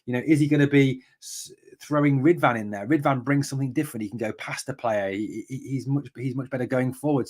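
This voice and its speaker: A man in his forties from the northeast of England hosts a live fan podcast from a room at home. He talks in a loose, rambling way, wandering off on tangents and restarting sentences, with an ordinary mid-range voice. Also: mid-range voice. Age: 40s. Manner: rambling, chatty, goes off on tangents, many fillers and restarts. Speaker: podcast host. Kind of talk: live-stream football chat.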